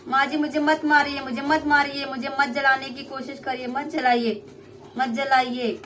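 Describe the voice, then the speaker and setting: Young woman voicing meek daughter-in-law, pleading, submissive, fairly high voice, puppet play, faint background hiss. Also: flat delivery, normal speed, a bit bright. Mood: desperate.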